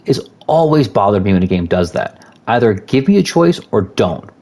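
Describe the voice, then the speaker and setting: Lively man reviewing a video game. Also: on the low side, moderate pace. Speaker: parent co-reviewing a game with his son.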